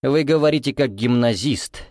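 A man's voice: mid-range voice, normal speed, a little mellow, dry recording, studio quality, lightly acted. A man reading an audiobook, voicing a suave, condescending male lodge commander with a reproachful drawl.

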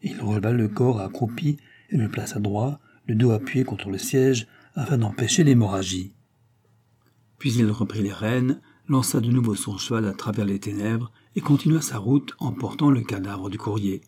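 Mellow, husky male audiobook narrator. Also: lowish voice, moderate pace. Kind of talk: scripted narration.

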